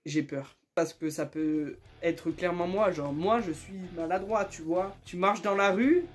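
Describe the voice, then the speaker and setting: A young man retelling absurd stories in a casual, joking, slangy way, laughing often and breaking into loud squeals of outrage. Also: sits high, steady tone, unhurried. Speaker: YouTuber. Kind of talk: casual comedic storytelling and reading aloud.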